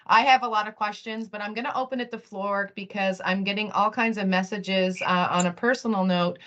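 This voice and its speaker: Bright-voiced woman hosting over muffled video call. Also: mid-range voice, fairly even intonation, brisk. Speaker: host of online class session. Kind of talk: informal moderating.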